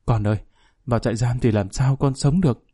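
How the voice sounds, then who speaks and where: A man voicing an anxious middle-aged mother who talks in a hushed, urgent way. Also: medium pitch, brisk, husky, natural voice.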